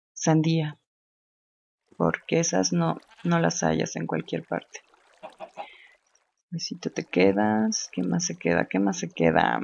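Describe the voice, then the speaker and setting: A woman with a deep, creaky voice chats casually while playing a video game, thinking out loud and laughing a lot. It's gamer commentary captured on a dull, lo-fi home recording.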